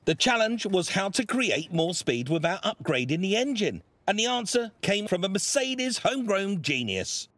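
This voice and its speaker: A man narrating a documentary in a lively, emphatic scripted delivery. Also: high-pitched, moderate pace, hardly any pauses, dry recording. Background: background music.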